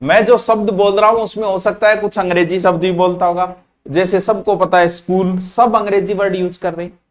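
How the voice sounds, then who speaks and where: A man's voice: sits high, steady tone, fairly quick. A middle-aged man with a Rajasthani accent giving a casual, jokey classroom lecture, slipping into Marwari asides. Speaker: teacher.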